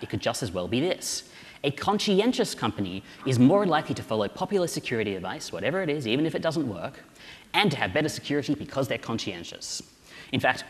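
A man giving a conference keynote, playful and jokey, asking the audience rhetorical questions. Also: medium pitch. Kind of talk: lively conference talk. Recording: long hall reverb.

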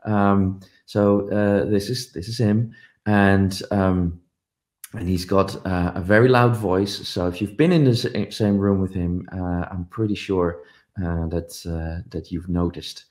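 Speaking through a webcam on a video call from his home office, a middle-aged man delivers a commemorative conference talk full of stories and plenty of ums and uhs. His voice is low, steady, and darkish, and his pace is a little slow.

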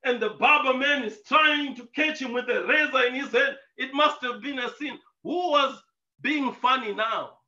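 Man preaching, high sharp voice, emphatic, shouts now and then, echoey muffled church audio. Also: normal speed, distant mic. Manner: emphatic, rhetorical questions, bursts into shouting. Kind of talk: sermon with storytelling. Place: church hall. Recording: echoey dull lo-fi church recording.

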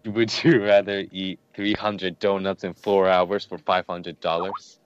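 A man's voice: little pitch movement, measured pace, background noise. A man hosting a casual podcast chat, reading out would-you-rather questions to friends. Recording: dull low-fidelity sound.

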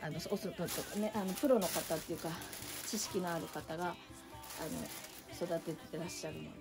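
Over background music, a middle-aged woman with a lowish voice talks briskly, chatting casually as she holds plants up to the camera. She runs a succulent channel and is filming in her home entryway beside a shelf.

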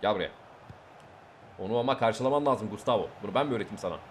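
A young man with a Turkish accent giving excited let's-play commentary, shouting at the game and talking to his viewers. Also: on the low side, quick pace, slight background noise. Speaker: gaming YouTuber.

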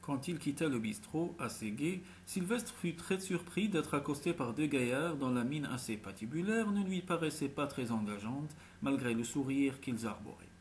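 Calm male storybook narrator. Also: medium pitch, moderate pace, few pauses, slight background noise. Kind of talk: storytelling reading.

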